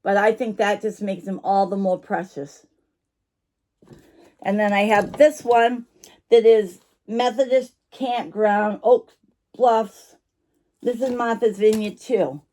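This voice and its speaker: Woman, casual vlog chat, chewing gum while talking, mid-range pitch, rambling, apologetic, self-interrupting. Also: steady tone, slow, mellow. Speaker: online vintage shop owner and vlogger.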